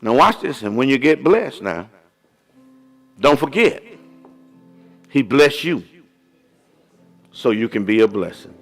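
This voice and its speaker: A man's voice: medium pitch, big pitch swings, soft background music. A man preaching a sermon as pastor of a church, calling out and drawing out his words. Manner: preaching with rising calls and drawn-out words.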